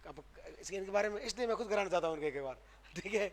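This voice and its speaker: High-voiced grammar teacher lecturing. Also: male voice, lively intonation, rapid-fire. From Rajasthan, India. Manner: asks the class rhetorical questions and answers them himself; emphatic, repeats and stresses sounds to demonstrate. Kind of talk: classroom lecture. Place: classroom.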